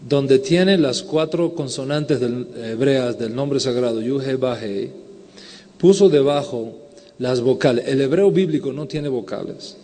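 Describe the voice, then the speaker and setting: A man's voice: medium pitch, unhurried, dark tone. A man, a rabbi, giving a conference lecture and answering questions, explaining step by step and often checking in with "ok?". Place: lecture hall. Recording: long hall reverb.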